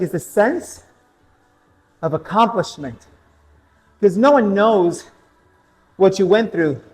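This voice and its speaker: A man's voice: high voice, in a large hall, low-quality recording. A man coaching an indoor cycling class, telling a personal race story between motivational interval cues and countdowns.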